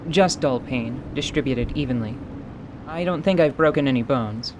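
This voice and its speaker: In an audio drama, a man voices a stoic, wry winged mercenary from a fantasy world, worn down by battle. His medium-pitched delivery is dry, formal, deliberate, and matter-of-fact, with a natural sound over a noisy background.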